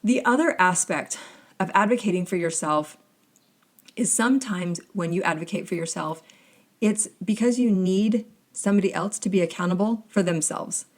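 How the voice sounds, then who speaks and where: A woman's voice: fairly low pitch, normal speed. A woman hosting a solo podcast, telling everyday stories in a chatty, conversational way full of "like". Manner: chatty, conversational, filler 'like'. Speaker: podcast host.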